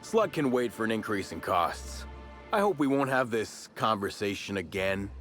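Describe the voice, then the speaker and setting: Low-voiced, aloof negotiator. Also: male voice, sing-song, moderate pace, fairly bright tone, soft background music. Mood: weary, dry. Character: aloof, formal male negotiator, weary of bickering. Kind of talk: video game character acting.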